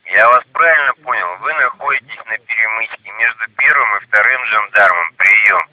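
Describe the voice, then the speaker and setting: A man's voice: fairly low pitch, normal speed, sharp tone. A man coordinating over a crackly walkie-talkie, methodically checking and confirming in procedural radio phrases. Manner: methodical, questioning, confirms positions. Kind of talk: two-way radio exchange, procedural call-outs. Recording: crackly radio with noise and clicks.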